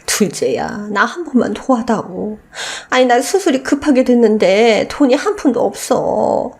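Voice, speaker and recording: An older woman plays a scornful, shameless mother-in-law in a radio drama, pleading in desperation and wheedling with drawn-out, emphatic words. Her voice leans high and sing-song, with a darkish tone.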